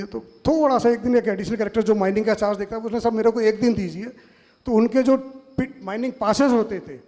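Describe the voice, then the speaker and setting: A man's voice: sits high, a little mellow. A middle-aged man speaking on a panel, with a Madhya Pradesh Hindi accent, telling stories and acting out the voices of the people in them. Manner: anecdotal, quotes others in dialogue. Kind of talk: storytelling talk to an audience. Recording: hall reverb.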